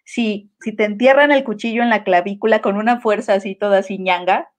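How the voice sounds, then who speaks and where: A woman's voice: medium pitch, fairly quick. A Mexican woman co-hosting a podcast, chatting casually and animatedly, laughing and mimicking voices. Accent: Mexican Spanish. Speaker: podcast co-host. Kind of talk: casual chat.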